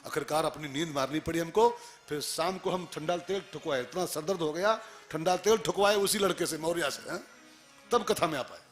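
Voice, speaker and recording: Preacher guy, kinda high voice, keeps repeating his questions, soft music under it. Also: moderate pace. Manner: animated, rhetorical questions, repeats phrases for emphasis. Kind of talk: devotional sermon.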